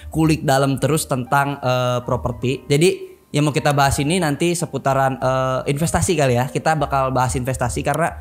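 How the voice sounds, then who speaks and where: A man's voice: medium pitch, steady tone, fairly quick. A man, hosting a casual podcast chat, slangy and full of fillers. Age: 20s. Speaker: podcast host.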